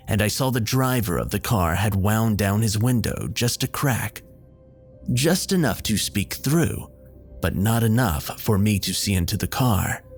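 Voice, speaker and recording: Man narrating a horror story. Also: on the low side. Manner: measured storytelling. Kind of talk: scripted narration.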